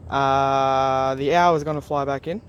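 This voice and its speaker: Aussie teacher guy explaining a task, easygoing, lots of ums, medium pitch. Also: unhurried, highs cut off, a little hiss or hum. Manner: relaxed, many fillers. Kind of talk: recorded class instructions.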